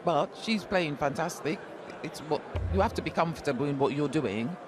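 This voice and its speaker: A woman's voice: low-pitched, expressive, moderate pace. A woman co-commentating on live darts as a pundit, in a chatty style. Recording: crowd and clear background noise.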